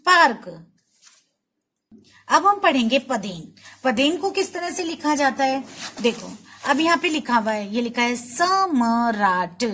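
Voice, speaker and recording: A woman's voice: sits high, fairly bright tone. A woman teacher giving a spelling lesson to young children, patiently stretching out each syllable and repeating words for them to say back. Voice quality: slow, drawn-out syllable-by-syllable pronunciation.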